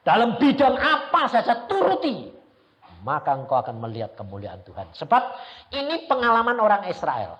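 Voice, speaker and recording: A man's voice: high-pitched, moderate pace. A middle-aged man, preaching a sermon as an evangelist and telling stories with acted-out dialogue and laughter. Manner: animated storytelling, acting out dialogue, frequent laughter. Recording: dull lo-fi recording.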